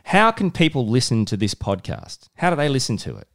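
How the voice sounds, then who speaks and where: A man's voice: mid-range voice, very animated, a little fast. A man hosting a casual podcast chat with a child, patiently prompting with questions and simple explanations. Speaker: podcast host, father talking with his child.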